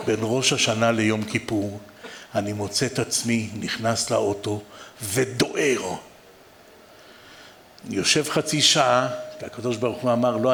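A man from Israel preaching through a personal story, impassioned and building toward near-shouts. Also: mid-range voice, slight background noise. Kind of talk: emotional storytelling sermon.

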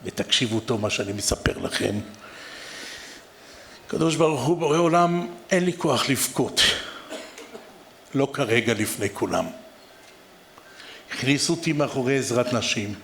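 Gravelly, impassioned Israeli preacher man. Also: mid-range voice, pauses often, a little hiss or hum. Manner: impassioned, swelling to near-shouts. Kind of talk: emotional storytelling sermon.

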